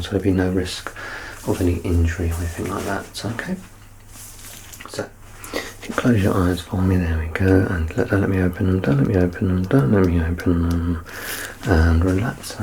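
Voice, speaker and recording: Playing a clinician during an exam roleplay, this soft-spoken ASMR artist gently reassures and instructs, her hushed delivery frequently falling to a whisper. It's a low voice with vocal fry, and the poor audio carries a slight hiss or hum.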